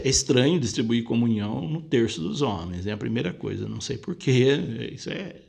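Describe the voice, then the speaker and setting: A priest talks through listeners' questions one by one, calm and explanatory. His voice sits at an ordinary male pitch with a gravelly, creaky edge. He restates each point so it is easy to follow. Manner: explanatory, patient, repeats points for clarity. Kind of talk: casual spoken Q&A lesson.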